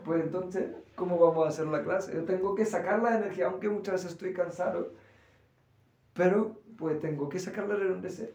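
A man from giving an animated spiritual class in a temple hall, acting out voices as he speaks. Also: high voice. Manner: animated, acts out voices, quick asides. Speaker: spiritual teacher. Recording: echoey room, voice far from the mic.

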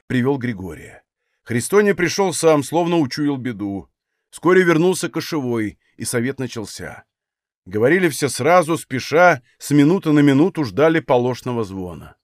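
A male audiobook narrator reading a novel in a measured, expressive way. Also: mid-range voice, no room sound, studio quality. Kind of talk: scripted narration.

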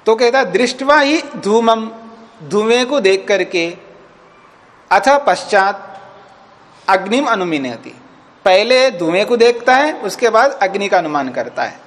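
A man's voice: high voice, animated, unhurried, pauses often, a bit bright. A man teaching a class as a swami, reciting Sanskrit lines and explaining each phrase, and checking whether his students follow. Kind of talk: classroom lecture on a scripture text. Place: teaching session at a retreat.

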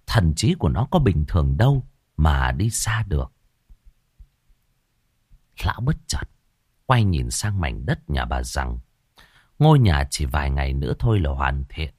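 Lively dramatic male storyteller. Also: extremely low pitch, measured pace, long pauses, breathy edge, dry recording, studio quality. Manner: dramatic storytelling with shifting voices. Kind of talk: scripted audiobook narration.

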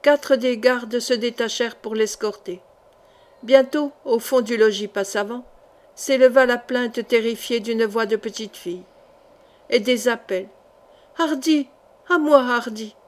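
A woman narrates an audiobook in a steady, measured reading voice. Her pitch sits somewhat high. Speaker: audiobook reader. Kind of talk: scripted narration of a novel.

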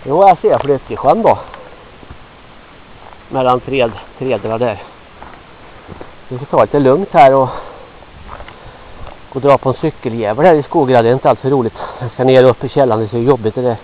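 An older Swedish man rambles on to himself as he trudges through the woods, gruff and chatty, a bit winded and sweaty. His voice sits at an ordinary middle pitch. The handheld outdoor recording sounds dull and lo-fi. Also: long pauses, a little hiss or hum. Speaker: vlogger. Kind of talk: rambling walk-and-talk monologue. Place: outdoors in a forest.

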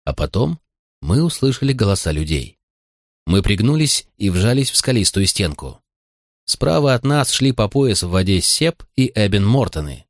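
A man reading a novel aloud in an expressive first-person storytelling manner. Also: lowish voice, normal speed, no room sound, clean studio sound. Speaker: audiobook narrator. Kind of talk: scripted narration of a novel.

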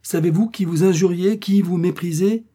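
A man reading aloud and voicing an indignant older peasant woman who speaks out loudly and emphatically in raised tones. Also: expressive, moderate pace, breathy edge. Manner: raised pitch, emphatic declaiming.

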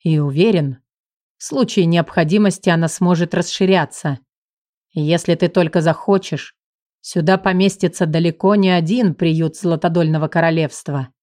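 A woman voicing a teasing, affectionate young male sorcerer who speaks low and lazily. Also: normal speed, darkish tone, no echo, studio quality, natural voice. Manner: wry, affectionate, low and lazy.

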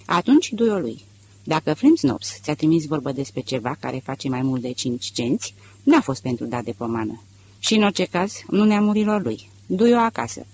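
A male audiobook reader voicing a bony, barefoot farm wife who laughs harshly and shouts with scorn. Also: on the high side, big pitch swings, breathy edge, exaggerated voice. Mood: scornful shouting.

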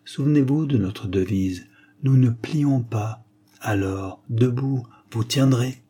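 A man's voice: medium pitch, slow, mellow, slightly rough. A man voicing a stern, proud aristocratic father, an aging marquis, in an audiobook, solemn and insistent.

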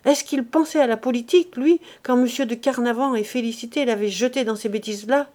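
A woman reading a classic novel aloud as an audiobook, in a measured, expressive way. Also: a little high. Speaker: audiobook reader. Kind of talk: literary audiobook narration.

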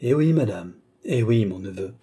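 A man's voice: fairly low pitch, animated, moderate pace, dark tone, breathy edge. A man voicing a witty, aging duke in an audiobook, mocking and theatrical in his banter. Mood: teasing. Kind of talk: audiobook character voice.

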